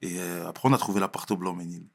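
A young man from Marseille with a Marseille accent, chatting casually in an interview, full of street slang and quick laughs. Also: sits low, fairly even intonation, creaky. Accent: Marseille French. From Marseille, France. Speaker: interviewee, rapper.

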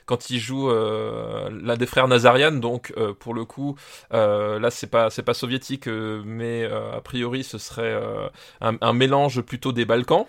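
A man's voice: medium pitch, fairly even intonation, unhurried, vocal fry. A man co-hosting a podcast, talking in an enthusiastic, slangy, casual way. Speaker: podcast co-host.

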